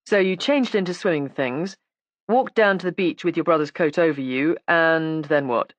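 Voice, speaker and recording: A woman's voice: low voice, normal speed, dry recording, dull audio, close to an everyday voice. A cool, intimidating male police inspector in an audiobook, clipped and ironic. A woman reader voices him close to her own voice, in a dry, close-miked recording. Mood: stern. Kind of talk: audiobook character voice.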